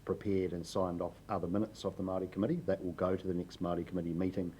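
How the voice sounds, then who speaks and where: A male council official giving a measured, hesitant procedural reply with many fillers. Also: deep voice, little pitch movement, warm tone, a little hiss or hum.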